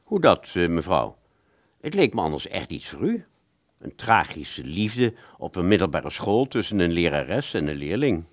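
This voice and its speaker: In a radio play, an actor voices a male bookshop salesman who is polite, fussy, and slightly patronizing, pedantically explaining things in a defensive mood. His voice is on the low side and very animated in pitch, at normal speed.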